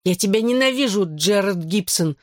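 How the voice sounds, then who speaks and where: A reader voicing an irritated teenage schoolgirl who shouts back indignantly in an audiobook scene. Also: mid-range voice, expressive, unhurried, no room sound, studio quality, voice pushed up, lightly acted.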